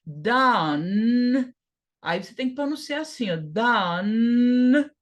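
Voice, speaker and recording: A woman's voice: a little high, sing-song, slow pace. A woman with a Brazilian Portuguese accent teaching an English lesson, repeating words and modeling example phrases for her students to drill. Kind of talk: classroom lesson on grammar and pronunciation.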